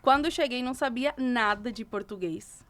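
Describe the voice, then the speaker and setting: Cuban lady guest, high voice, chatty and animated, spanish accent in her portuguese. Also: normal speed. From Cuba. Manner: animated, laughs often while telling stories. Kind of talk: casual interview storytelling.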